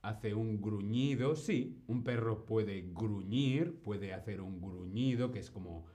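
A man teaching on a live stream, speaking slowly and clearly and greeting viewers in the chat by name. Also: on the low side, dark tone. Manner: slow, clear, greets chat by name, imitates animal sounds. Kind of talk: live-stream language lesson.

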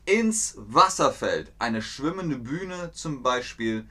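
Slow, playful man teaching idioms. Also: mid-range voice, animated, pushed and bright. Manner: playful, acts out little scenes with put-on voices; slow and clear, repeats phrases. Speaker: German teacher. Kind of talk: language lesson explaining idioms.

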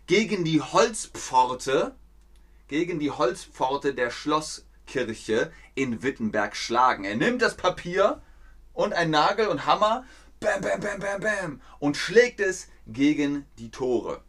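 Slow, lively-voiced male teacher. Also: fairly high pitch. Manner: expressive, acts out scenes with sound effects and voices; repeats phrases to explain words. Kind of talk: slow, playful explanation for learners.

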